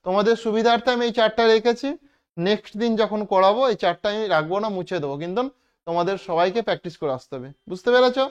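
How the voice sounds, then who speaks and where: A woman teacher giving a classroom lesson to children, spelling out words slowly letter by letter and checking that everyone understands. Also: medium pitch, smooth. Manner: slow, step-by-step spelling out of letters. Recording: dull lo-fi recording.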